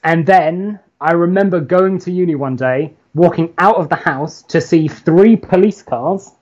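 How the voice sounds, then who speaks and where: A young man from London with a London accent, a comics writer chatting as a guest, hesitant and laid-back with many pauses. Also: fairly high pitch, darkish tone, dull audio. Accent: London English. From London, England. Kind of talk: casual chat.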